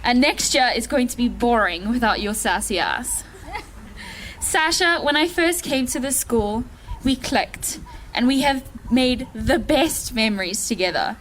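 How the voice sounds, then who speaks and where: A high-voiced woman in her late teens delivers a farewell speech as a graduating student, her words slow and unhurried. She is tearful and keeps breaking into laughter mid-sentence, sentimental about her friends. Faint noise sits behind her. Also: expressive, fairly bright tone. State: tearful, laughing through tears. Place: school hall with audience.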